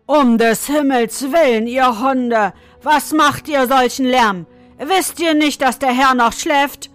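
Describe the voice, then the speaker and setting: A woman voicing a stern male palace overseer who scolds loudly and talks down to others. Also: a little high, expressive, moderate pace, faint music behind. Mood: angry. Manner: loud scolding.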